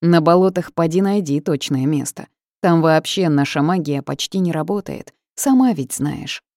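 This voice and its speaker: A woman's voice: low voice, expressive, moderate pace, darkish tone, dry recording, studio quality. A woman voicing a timid, fussy male barn spirit who talks meekly and plaintively. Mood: flustered. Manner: meek, flustered, plaintive.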